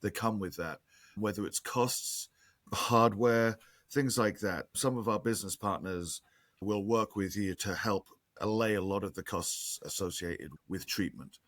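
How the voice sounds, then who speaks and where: A man's voice: fairly low pitch, a little slow, fairly bright tone, no echo. A man with a slight lisp, a nonprofit guest on a podcast, explaining earnestly and restarting his sentences often. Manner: earnest, talkative, many restarts. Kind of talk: podcast interview, casual explaining.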